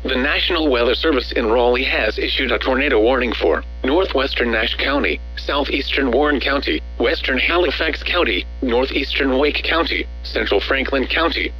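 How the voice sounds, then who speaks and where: In a measured, formal, automated style, a male radio announcer with a synthetic-sounding, mid-range voice reads scripted emergency weather bulletins. The high frequencies are cut off.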